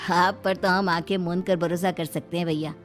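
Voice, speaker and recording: A woman's voice: lowish voice, fairly even intonation, moderate pace, soft background music, close to an everyday voice. Woman reading as an easygoing village husband. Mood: agreeable.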